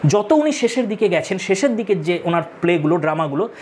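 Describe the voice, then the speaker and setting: A woman's voice: lowish voice, lively intonation, quick pace, a little mellow, slight background noise. A woman with a Bengali accent teaches a literature lesson for exam students, explaining step by step, counting aloud and repeating key terms.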